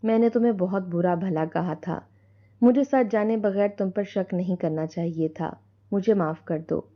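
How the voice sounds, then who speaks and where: A sorrowful elderly mother speaking with regret, voiced by a woman narrator. Her voice is plain and mid-pitched, slightly muffled. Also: natural voice. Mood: regretful.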